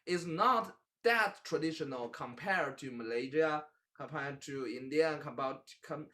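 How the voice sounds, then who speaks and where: A young man with a Chinese accent hosts a casual talk show in English, his voice sitting a little high. He talks in a halting way, stopping to search for words and gesturing as he goes. He sits at a table in a small room. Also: sharp tone. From China. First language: Mandarin. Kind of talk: casual chat.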